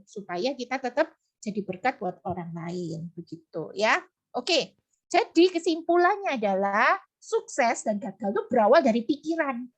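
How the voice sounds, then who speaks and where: Woman, middle-aged, motivational sales trainer, high-pitched, very lively intonation, repetitive emphatic delivery. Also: husky. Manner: animated, repeats phrases, acts out quoted people. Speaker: network marketing leader giving a training talk.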